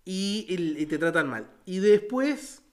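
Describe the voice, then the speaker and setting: A man with a Uruguayan Spanish accent in a casual, darkly joking conversation, wry and deadpan. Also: high-pitched, takes it slowly. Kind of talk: casual dark-humored chat.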